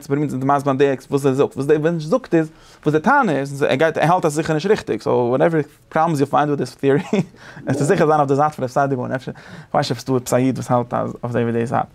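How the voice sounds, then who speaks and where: Male teacher giving a casual study lesson. He talks quickly in a gravelly voice, animated and thinking aloud, often restarting his sentences. His voice sits somewhat high for a man.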